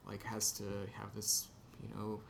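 A man's voice: fairly low pitch, monotone, a little slow, vocal fry, a little hiss or hum. A young man from Texas, a podcast guest, chatting casually with many "like" and "you know" fillers. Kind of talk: casual conversation. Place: indoor room in Chicago.

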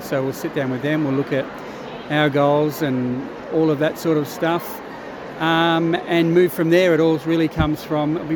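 A man giving casual interview answers as a chorus director, measured and pausing to gather his thoughts. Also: fairly high pitch. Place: busy convention venue. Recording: noisy venue recording with ambient hum.

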